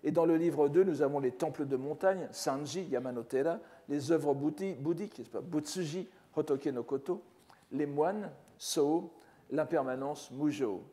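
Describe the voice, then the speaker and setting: Older male professor, mellow measured lecture. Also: a little high. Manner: measured, scholarly, with frequent restarts and "n'est-ce pas". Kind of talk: academic lecture. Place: lecture hall.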